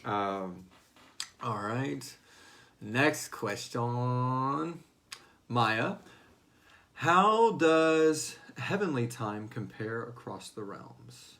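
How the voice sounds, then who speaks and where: Speaking very slowly in an expressive, mid-range voice with a bit of brightness, this man writes and hosts a serialized audio fiction series. In a relaxed question-and-answer session, he chats loosely and drops into snippets of character dialogue.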